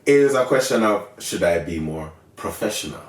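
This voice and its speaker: A man with a Jamaican accent speaks in a fairly low voice, animated and candid, often slipping into other people's voices for effect. He sits back from the mic, so the sound carries a roomy echo around him. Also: moderate pace, far from the mic. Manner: animated, acts out voices of others mid-sentence. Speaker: filmmaker and show creator. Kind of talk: candid interview talk.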